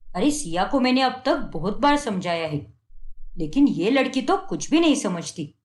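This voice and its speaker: A woman's voice: mid-range voice, sing-song, normal speed, close to an everyday voice. A woman voicing a harsh, fault-finding young husband in a cartoon story, scolding and belittling. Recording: echoey room.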